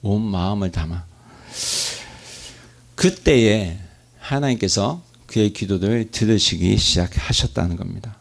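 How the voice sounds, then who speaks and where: A man's voice: on the low side, a little slow, creaky. A man pastor preaching a sermon, asking his congregation questions and acting out prayers.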